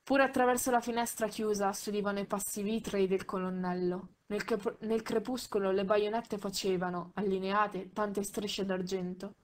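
Una donna che legge un romanzo ad alta voce con tono misurato, correggendo ogni tanto qualche piccolo inciampo. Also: female voice, mid-range voice, steady tone. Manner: measured, with small slips and self-corrections. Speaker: audiobook reader. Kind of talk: reading a novel aloud.

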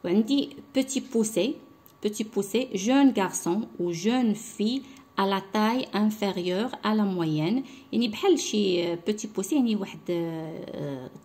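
Teaching primary French online, a young woman with a Moroccan accent and a darkish, mid-range voice explains things in Darija, sounding out French lines slowly syllable by syllable.

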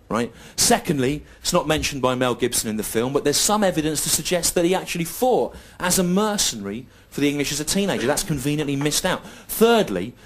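A middle-aged man performing a stand-up comedy routine on a stage in front of a live audience, with dry, deadpan and repetitive phrasing. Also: medium pitch. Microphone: stage microphone. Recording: live show recording with audible noise. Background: audience laughter.

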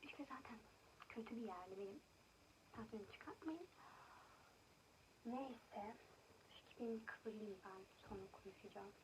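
A young woman vlogger chatting casually while doing her makeup, venting indignantly and often dropping into soft whispers. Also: mid-range voice, takes it slowly, long pauses, noisy background. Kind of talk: casual makeup vlog chat.

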